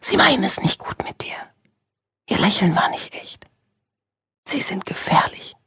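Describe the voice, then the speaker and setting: A woman voicing a mysterious female inner voice in an unvoiced, breathy whispered role-play, urging caution. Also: medium pitch, very animated, measured pace, bright, forceful tone, dry recording, clean studio sound, pitched above the performer's own voice, heavily acted. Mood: warning. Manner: urgent, insistent warnings.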